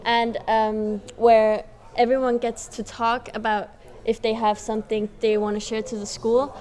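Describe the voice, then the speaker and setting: Young female student guide, raised in Switzerland, higher pitch. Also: level tone, measured pace, a little mellow. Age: young adult. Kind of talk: scripted school tour.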